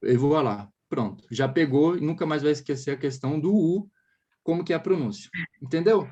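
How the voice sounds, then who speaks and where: A man's voice: on the high side, expressive, brisk, mellow, highs cut off. A man with a Brazilian Portuguese accent giving a casual one-on-one French lesson, explaining patiently, modelling sounds for his student to repeat and often checking that she follows. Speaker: French teacher.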